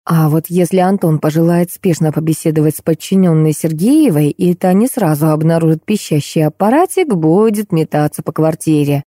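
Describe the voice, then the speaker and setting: A woman narrating an audiobook in an even, wry storytelling manner, recorded close and dry. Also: low-pitched, moderate pace, few pauses, no room sound. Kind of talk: scripted narration.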